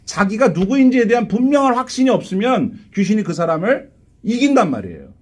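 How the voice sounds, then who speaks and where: Man, pastor, live church sermon, high voice, very animated intonation, rhetorical questions. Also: fast talker. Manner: animated, asks the congregation rhetorical questions, acts out quotes. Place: church sanctuary.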